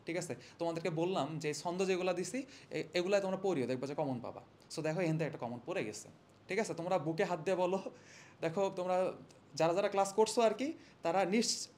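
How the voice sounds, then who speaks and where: A young man teaching an English grammar lesson casually, asking his students questions and answering them himself. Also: high-pitched. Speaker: exam-prep English teacher. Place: classroom or studio, indoors. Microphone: phone or mic held near the mouth.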